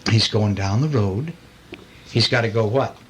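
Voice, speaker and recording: In a noisy homemade recording, a dad reads his kids a bedtime story at a measured pace with a fairly low voice. He keeps it playful, tossing in asides and performing lines and sound effects.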